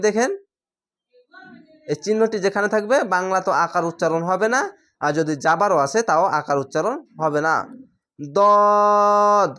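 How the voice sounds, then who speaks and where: A woman from Bangladesh teaching a step-by-step Quran reading lesson, sounding out each letter slowly and louder, with plain explanations in between. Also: on the low side. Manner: slow, drawn-out letter pronunciation between explanations; sounds the letters out louder and more drawn out than her explanations.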